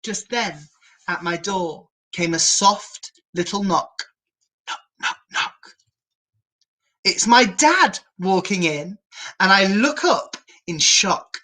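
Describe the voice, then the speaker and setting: A storyteller reads a children's picture book aloud with theatrical, animated encouragement. Her voice sits in the mid range, and she takes it slowly.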